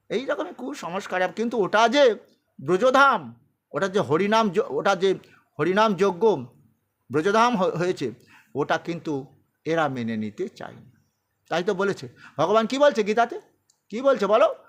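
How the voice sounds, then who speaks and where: Man preaching, high voice, keeps asking the crowd questions. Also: sing-song, measured pace, pauses often, fairly bright tone. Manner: asks the audience questions. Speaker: preacher explaining scripture. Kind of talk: sermon.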